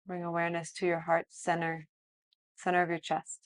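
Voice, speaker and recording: A woman yoga teacher leading a guided yoga nidra relaxation like a sleep story narrator, soothing and hushed, with long pauses. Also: fairly low pitch, completely flat delivery.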